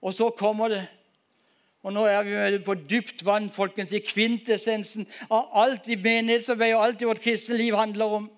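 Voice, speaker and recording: Male pastor, high voice, emphatic storytelling preacher. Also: level tone, fairly bright tone. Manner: storytelling, emphatic, addresses congregation as folks. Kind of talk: sermon testimony.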